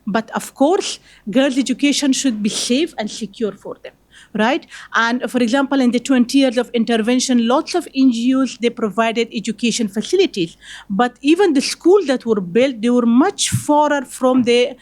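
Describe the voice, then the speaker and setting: A woman's voice: fairly high pitch, moderate pace, darkish tone. A woman from Afghanistan speaking on a panel discussion, earnest and full of fillers and restarts.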